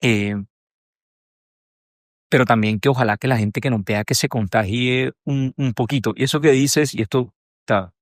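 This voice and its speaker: A man's voice: medium pitch, normal speed, pauses often, no room sound, clean studio sound. A man hosting a podcast, talking in a reflective, earnest way. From Colombia. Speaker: podcast host. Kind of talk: casual interview chat.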